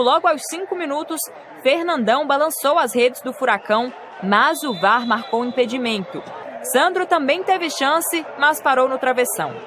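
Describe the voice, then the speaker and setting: A woman's voice: high-pitched, background noise. A Brazilian woman reading a scripted football recap. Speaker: football highlights narrator.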